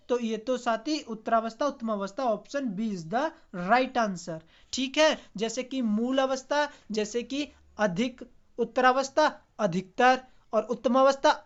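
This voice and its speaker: A man teaching an online exam practice lesson, asking viewers questions and answering them himself. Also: extremely high pitch. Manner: quizzes viewers, repeats and answers own questions. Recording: dull lo-fi recording.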